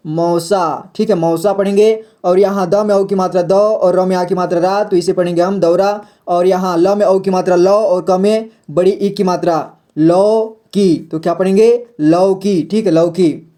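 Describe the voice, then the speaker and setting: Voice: medium pitch, fairly even intonation, normal speed, mellow. A patient teacher walking learners through reading syllables and words step by step, repeating each sound and asking and answering their own questions. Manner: frequent "theek hai" check-ins. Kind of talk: step-by-step phonics lesson.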